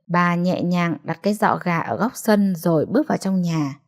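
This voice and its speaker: A woman narrating a family story in a steady, measured storytelling voice. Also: fairly low pitch. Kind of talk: scripted narration.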